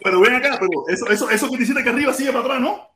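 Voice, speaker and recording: A man with a Cuban accent hosting a live chat, playful and loud, repeating himself and bursting into shouts. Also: extremely high pitch, racing, echoey room, background noise. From Cuba. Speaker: livestream host.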